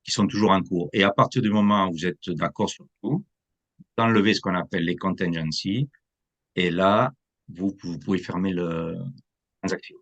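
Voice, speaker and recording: Man, low voice, from France, real estate agent explaining the market, drops English terms. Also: steady tone, normal speed, a bit bright, lo-fi sound. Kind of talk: interview answers.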